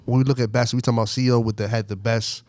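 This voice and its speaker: A man's voice: mid-range voice, little pitch movement, very fast, darkish tone, no echo, studio quality. A man co-hosting a podcast, weighing his words with fillers before pressing his point. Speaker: podcast co-host. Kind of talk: casual debate.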